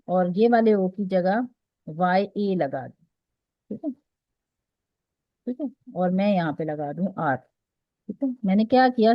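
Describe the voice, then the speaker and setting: The online Quran recitation teacher, whose accent is Pakistani Urdu, has a medium-pitched voice in a dry, lo-fi recording. She is patient, explaining things one step at a time and regularly checking understanding with "theek hai?"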